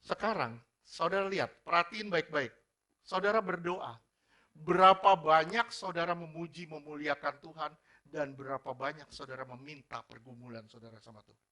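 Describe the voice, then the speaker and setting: This pastor's voice is fairly high and his pace is normal as he preaches to his congregation. He's energetic, throwing out one rhetorical question after another and switching between formal preaching and casual slang.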